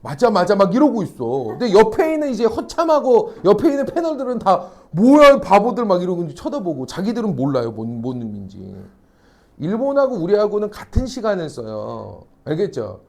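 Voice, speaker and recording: A man's voice: high voice, big pitch swings, brisk, creaky, darkish tone. A middle-aged man teaching a class, telling anecdotes, teasing and mocking, and constantly checking whether students follow. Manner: mocking asides. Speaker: academy teacher.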